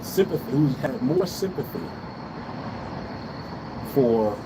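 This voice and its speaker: A medium-pitched, expressive American man takes his time as he rants casually about politics on a livestream. Standing on an urban balcony, he's blunt and profane and repeats phrases for emphasis; loud city traffic and street ambience are heard throughout.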